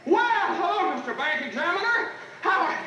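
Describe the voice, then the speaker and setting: A man's voice: very high voice, animated, fairly quick, heavy background noise. George: a frantic overjoyed father. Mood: elated. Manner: shouting, laughing, breathless. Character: frantic middle-aged husband and father, overjoyed. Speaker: desperate family man. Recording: old film soundtrack, echoey, distant, music.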